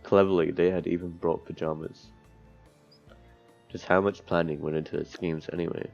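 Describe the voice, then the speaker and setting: As a let's player reading visual novel text aloud, this man speaks at normal speed in a deep, flat, darkish voice with vocal fry. He stumbles and cuts away into offhand asides, recorded on a dull lo-fi mic over game music.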